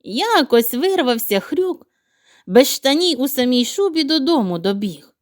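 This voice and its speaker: Female narrator for kids' audiobook: high, animated, playful, recorded dry and close. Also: unhurried, dry recording. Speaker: storyteller. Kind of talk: expressive fairy-tale narration for children.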